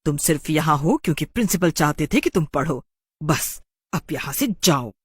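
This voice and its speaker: A woman's voice: sits low, animated, moderate pace, husky, no echo, studio quality. A woman voicing a stern, cold female schoolteacher who speaks curtly and dismissively, in a storybook tale. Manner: curt and dismissive.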